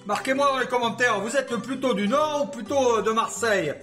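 A high-pitched man chats through his home DIY project in a playful, joking way, putting on a southern French accent as he talks to viewers. Faint music plays underneath. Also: a little fast, fairly bright tone. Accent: put-on southern French. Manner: playful, jokey, talks to viewers, hums and sings bits. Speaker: DIY vlogger. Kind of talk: casual home DIY vlog.

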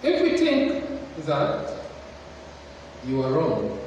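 Slow high-voiced preacher in an echoing church. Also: male voice, huge pitch swings, a little mellow, slight background noise. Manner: slow, deliberate, asks the congregation questions. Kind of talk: sermon. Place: large church hall. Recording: echoey church hall from far off.

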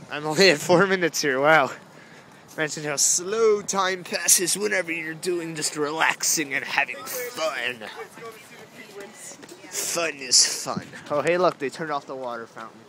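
A man's voice: on the high side, measured pace, bright, forceful tone. A young man narrating a casual walk through a zoo light show at night, rambling and easily amused, recorded on a handheld camera. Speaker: vlogger. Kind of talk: casual walking commentary. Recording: noisy crowded outdoor camera audio. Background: crowd chatter and outdoor noise.

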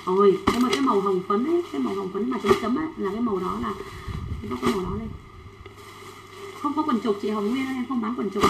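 Woman, livestream seller, chatty sales patter, high-ish voice, roomy echo. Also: fast, vocal fry, background noise. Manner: chatty, reads out sizes and buyers' names. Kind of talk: fast livestream sales pitch.

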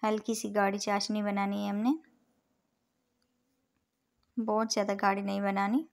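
Over overhead shots of the cooking, a woman's voice-over walks through a recipe for her cooking channel, patiently explaining and counting every measure. She speaks at an ordinary pace with an Urdu-influenced Hindustani accent. Her tone is gravelly and barely shifts in pitch, staying calm and instructive throughout.

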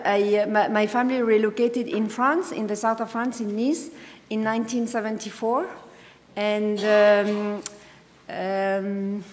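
Speaking at a podium in a dark, reverberant auditorium, a woman artist from Egypt delivers an unscripted lecture with slides at a symposium. Her medium-pitched voice is halting, full of fillers and restarts, and she sits far from the mic under long hall reverb.

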